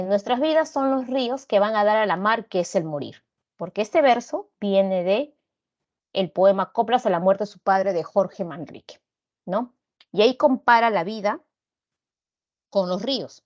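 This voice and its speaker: A woman's voice: fairly low pitch, darkish tone, highs cut off. A woman teacher with a Peruvian Spanish accent, giving a recorded class lecture and checking in with students through frequent tag questions.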